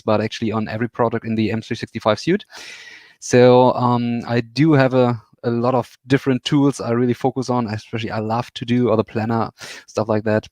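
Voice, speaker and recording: A business consultant introduces himself on a live web panel, relaxed and pleasant, sometimes repeating himself. His voice comes across dry and close, with no room around it. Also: medium pitch, no echo. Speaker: guest presenter, business consultant.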